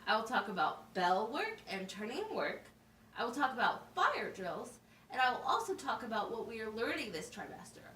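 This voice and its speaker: In an amateur puppet show, a woman plays a patient, firm schoolteacher who explains things simply and asks checking questions. Her voice is on the high side and a bit bright, with big pitch swings at a normal pace. The recording is roomy, from a distant mic with faint noise.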